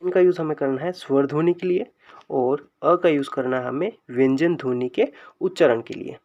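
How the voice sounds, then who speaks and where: A fairly high-voiced man talks through a grammar lesson at a patient, explanatory pace, and he stretches out his example sentences. The recording sounds dull and lo-fi. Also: normal speed. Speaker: English grammar teacher.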